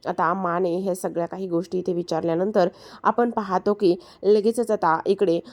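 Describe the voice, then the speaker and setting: A woman casually retelling a TV serial episode, repeating herself often and pausing with hesitant fillers. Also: on the low side, steady tone, a little mellow. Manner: repetitive storytelling with frequent hesitation fillers. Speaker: serial recap narrator.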